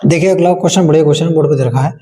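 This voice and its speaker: A man's voice: a little high, very fast, warm tone. A male maths teacher working board-exam problems step by step, asking questions and answering them himself. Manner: asks the class questions and answers them himself, chanting times tables. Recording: long hall reverb.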